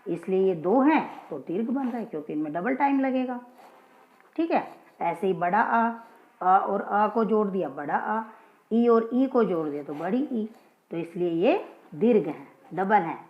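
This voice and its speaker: A woman gives a casual grammar lesson, patient and steady, often checking that her listeners follow. She asks a question and then answers it herself. The sound is dull and lo-fi, with a roomy echo. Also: mid-range voice, measured pace. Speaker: Hindi grammar teacher. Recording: dull lo-fi, echoey room.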